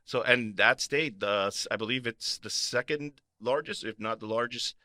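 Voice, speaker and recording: A man's voice: mid-range voice, moderate pace, sharp tone, no room sound. A man born in Puerto Rico and raised in Florida, co-hosting a podcast, talking in an earnest way and often restarting his sentences. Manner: earnest, restarts and repeats words. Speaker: podcast co-host. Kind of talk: conversational advocacy discussion.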